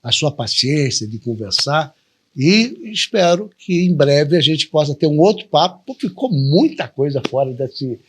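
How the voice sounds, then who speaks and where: A man from Brazil hosting a TV interview, asking questions and signing off in a polite, measured way. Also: fairly high pitch, sing-song, slightly rough. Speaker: TV interviewer, host.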